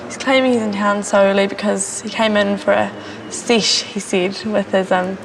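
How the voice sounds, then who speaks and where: A woman's voice: mid-range voice, flat delivery, normal speed, vocal fry. A woman, a police officer asking questions and relaying answers casually. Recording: noisy location sound with vehicles.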